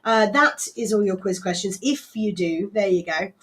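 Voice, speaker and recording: A woman's voice: mid-range voice, normal speed, fairly bright tone. A woman hosting a live local radio show with a West Country English accent, chatting casually and rambling with frequent laughs and fillers. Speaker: radio host.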